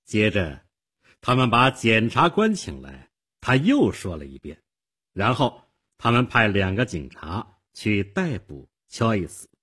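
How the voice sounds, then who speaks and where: A man narrating a radio audiobook in a dramatic, expressive storytelling manner. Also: fairly low pitch, a little slow, slightly rough.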